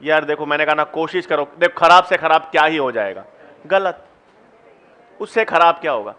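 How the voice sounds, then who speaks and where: Bright-voiced man teaching a class. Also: a little high, clean tone. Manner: coaxing, encouraging students to answer; slow, deliberate when explaining steps. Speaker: biology teacher. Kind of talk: classroom lecture with student questions.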